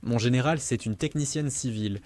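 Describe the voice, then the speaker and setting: A man's voice: medium pitch, fairly quick, a little mellow, slight background noise, close to an everyday voice. A man reading the lines of a tense, panicky army captain who barks curt orders in a storybook narration.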